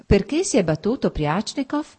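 A woman's voice: mid-range voice, very animated, moderate pace, mellow, breathy edge, pitched above the performer's own voice. A woman reading the part of a cold, formal husband in an audiobook, speaking in a restrained, clipped way. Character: cold, stiff, wounded older husband.

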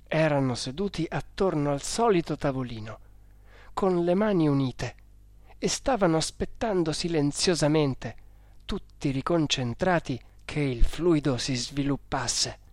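A reader narrating a storybook in a calm, measured way. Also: medium pitch, no room sound.

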